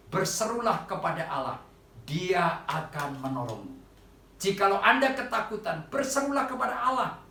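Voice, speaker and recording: A man preaching a sermon to a congregation at an online church service, often calling out to them and rising loud on quoted cries for help. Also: sits high, creaky, reverberant, recorded from a distance.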